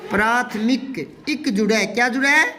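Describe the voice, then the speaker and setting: Male hindi teacher, really high voice, keeps asking the kids questions and repeating words. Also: moderate pace, background noise. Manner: quizzes listeners and repeats words to drill them. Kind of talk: classroom grammar lesson.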